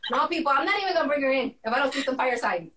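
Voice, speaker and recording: A woman's voice: high voice, expressive, rapid-fire, pushed and bright, echoey room, a little hiss or hum. A woman guesting on a livestream, talking energetically and hyping up the audience. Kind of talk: casual livestream chat.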